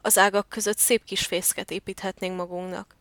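A woman's voice: medium pitch, little pitch movement, fairly bright tone, no room sound, natural voice. Woman reading as an earnest male turtle dove. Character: anxious devoted male turtle dove, husband.

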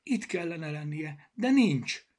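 A man's voice: on the high side, wildly swooping pitch, slightly rough, pitched above the performer's own voice, exaggerated voice. A man voicing a young girl in a children's storybook, worried and eager. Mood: distressed.

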